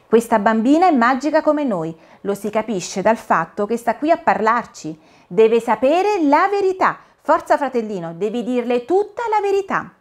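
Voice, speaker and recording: Brief: a woman playing earnest caterpillar brothers in a storybook, coaxing and pitched up. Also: very animated, normal speed, few pauses. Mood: urging. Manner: urging, coaxing.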